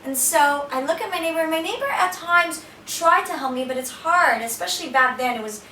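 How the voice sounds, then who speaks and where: A woman's voice: high voice, lively intonation, fairly quick, bright, forceful tone, slight background noise. A woman giving a personal testimony talk in a small shelter, telling her story earnestly and often restarting her sentences. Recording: echoey room from a distance.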